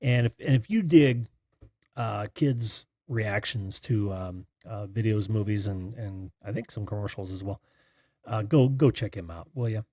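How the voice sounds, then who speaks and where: A breathy American man hosts a casual live call-in stream. His tone is soft-edged and dark, in a dry-sounding space. He rambles in a distracted way and addresses viewers like old friends. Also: on the low side, unhurried, no echo. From Indiana, United States. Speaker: host of a live call-in show.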